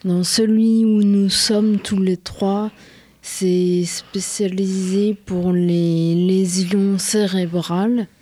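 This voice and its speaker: A woman in her thirties with a western French accent, answering questions in a radio studio with halting speech and many pauses. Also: mid-range voice, fairly even intonation, dark tone, dry recording. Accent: French, from western France. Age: 30s. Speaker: interviewee. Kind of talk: radio interview.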